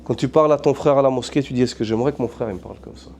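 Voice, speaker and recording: A male imam delivers a sermon in a mellow, warm voice. He preaches earnestly, slipping in Arabic phrases and asking his listeners one rhetorical question after another. His pitch sits at a middle level for a man. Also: very fast, gravelly, slight background noise.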